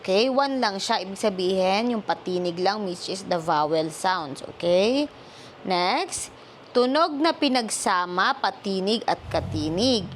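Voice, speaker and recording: A Filipino mother leads a reading lesson at home. She talks in an unhurried, patient way and keeps checking that her child follows, mixing English into her Filipino. A faint background hiss sits beneath her voice. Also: mid-range voice, lively intonation. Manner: patient, mixes English into Filipino, prompting questions.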